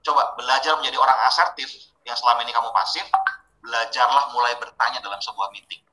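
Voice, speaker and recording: A man's voice: medium pitch, fast talker, reverberant, low-quality recording. A man giving a training webinar, talking casually and putting questions straight to his audience. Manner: lively, questioning audience directly.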